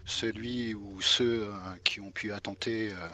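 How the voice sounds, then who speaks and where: Man doing a curt, low-voiced tough detective. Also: steady tone, a little slow, pushed and bright. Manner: curt, dry, tough-guy replies. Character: gruff, cool male New York private detective, adult. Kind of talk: game master voicing a character.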